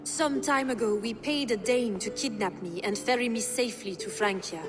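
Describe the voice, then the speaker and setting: In a video game cutscene, an actress plays a poised, bitter Frankish noblewoman trapped in an unhappy marriage, delivering arch, dry, elegant lines with a brisk, scheming air. Her voice is a little high and close to everyday speech, at a moderate pace. Long hall reverb and prominent music fill the recording.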